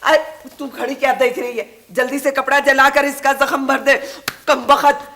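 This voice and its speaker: A shrill, scolding mother. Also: flat delivery, normal speed, sharp tone. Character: sharp-tongued mother, daughter-in-law, scolding. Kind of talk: old TV sitcom acting.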